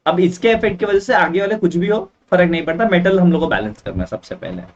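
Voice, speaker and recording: A man's voice: sits high, expressive, fast. A man teaching a chemistry lesson at a board, chatty and mixing in English phrases, often checking in with "okay, right?". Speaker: science teacher. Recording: dull, from a distance.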